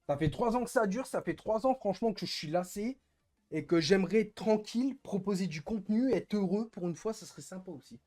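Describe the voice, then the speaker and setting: A young man ranting on a live stream, bitter and frustrated, cursing often, repeating himself and swinging between loud outbursts and low muttering. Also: expressive, brisk. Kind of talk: casual live-stream rant.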